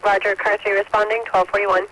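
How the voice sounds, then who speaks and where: A man's voice: high voice, flat delivery, a little fast, pushed and bright, rough recording. A man working as a fire dispatcher, formally reading messages back over two-way radio. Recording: hissy radio dispatch audio.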